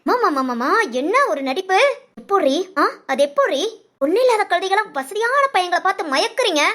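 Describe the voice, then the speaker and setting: A woman's voice: extremely high pitch, lively intonation, moderate pace. A scornful rich mother-in-law. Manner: shouting insults, contemptuous. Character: harsh rich middle-aged mother, scornful and domineering. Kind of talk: storybook voice acting.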